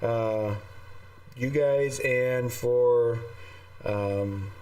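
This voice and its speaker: A man's voice: mid-range voice, extremely slow, darkish tone, smooth. Man with an echoey, roomy call sound. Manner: rambling, laughs often, trails off with "um". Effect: echoey, roomy sound over an online call. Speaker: podcast co-host. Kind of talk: casual live podcast chat. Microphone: desktop USB microphone through a mixer. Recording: distant echoey call audio.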